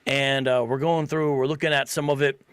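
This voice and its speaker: A man's voice: medium pitch, flat delivery, a little fast, fairly bright tone, clean tone, dry recording. A man hosting a live online talk show, easygoing and casual, calling his guests bro and man.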